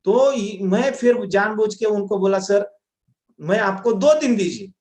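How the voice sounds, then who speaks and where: High-voiced man telling his story. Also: animated, unhurried, darkish tone, echoey room. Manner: storytelling, acting out dialogue. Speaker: direct selling distributor. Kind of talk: motivational testimonial talk.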